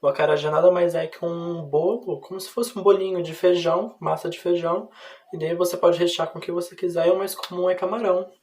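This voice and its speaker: A student speaking in a loose, chatty class presentation. The pitch sits in a middle range, and the talk wanders and leans on fillers as it goes. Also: fairly even intonation, fast talker, darkish tone. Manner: loose, rambling, many fillers. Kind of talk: casual spoken class presentation.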